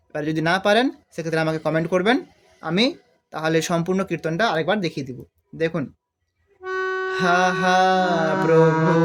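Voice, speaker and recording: A man teaching a devotional song on harmonium, explaining the notes step by step and singing drawn-out phrases. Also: sits high. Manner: explains slowly, then sings drawn-out phrases. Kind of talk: step-by-step music tutorial. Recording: harmonium loud under the voice.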